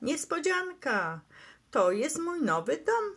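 An earnest skunk neighbour from a children's bedtime story, urgent and insistent, as a female reader puts him on. His voice sits a little higher than the narration and moves slowly, with lively rises and falls. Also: exaggerated voice. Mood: cheerful.

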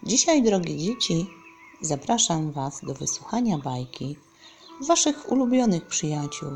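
A woman reading a children's story aloud, gentle and deliberate. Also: sits low, big pitch swings, soft background music.

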